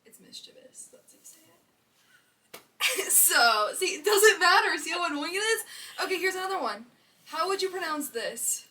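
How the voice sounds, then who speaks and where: A woman's voice: very high-pitched, lively intonation, moderate pace. A young woman co-hosting a vlog, arguing her side of a casual debate with insistent emphasis. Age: young adult. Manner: insistent, argues loudly with emphasis. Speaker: co-host. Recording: voice a bit far from the mic.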